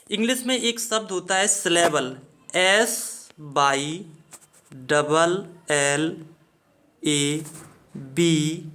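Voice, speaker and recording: A man's voice: high-pitched, bright, forceful tone. A man teaching an English grammar lesson, explaining rules methodically and spelling words out letter by letter.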